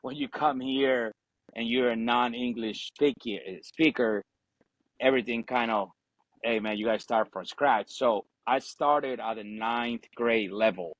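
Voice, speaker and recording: Speaking unhurriedly at a medium pitch, an Ecuadorian man in his forties, whose native tongue is Spanish, shares his experiences as a Marine veteran on a podcast. His manner is casual and informal, full of "you know," "obviously," and swearing. The recording has no echo and is low quality.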